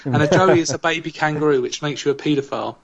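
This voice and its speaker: A man's voice: fairly high pitch, fast, vocal fry, dull audio, a little hiss or hum. A man hosting a podcast, chatting casually and cracking puns. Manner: jokey, punning. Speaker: podcast host.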